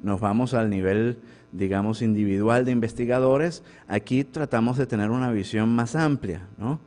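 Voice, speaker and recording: Speaking at normal speed in a mid-range, slightly mellow voice, a man from Venezuela delivers an academic conference talk as a professor in a university lecture hall. His style is conversational, with rhetorical questions to check in with the audience.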